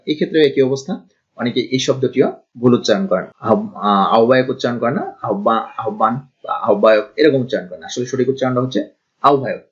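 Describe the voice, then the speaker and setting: A man tutors in a slow, deliberate way, saying each example word on its own before explaining the rule. His voice sits at an ordinary middle pitch. The recording is a little dull and lo-fi. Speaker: Bengali grammar tutor. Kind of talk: online pronunciation lesson.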